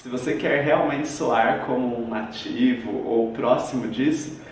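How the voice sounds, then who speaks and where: A man's voice: medium pitch, a little slow, over music. A man with a Brazilian Portuguese accent explains a language lesson in a didactic way, walking through examples step by step. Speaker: English teacher. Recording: very echoey room, far from the mic.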